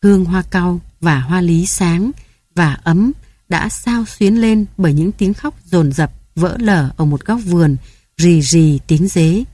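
Low husky woman reading a story. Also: mellow, no room sound, studio quality. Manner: slow, measured, solemn. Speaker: narrator.

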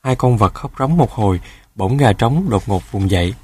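A man narrating a children's storybook in a calm, even manner. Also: lowish voice, moderate pace, slightly rough, no room sound.

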